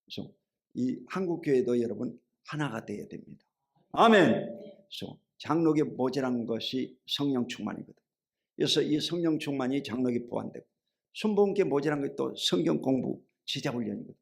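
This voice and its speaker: Animated and a little fast, a middle-aged pastor with a gravelly voice delivers a sermon full of folksy anecdotes, moving between loud and quiet. He throws rhetorical questions at the congregation and asks for amens.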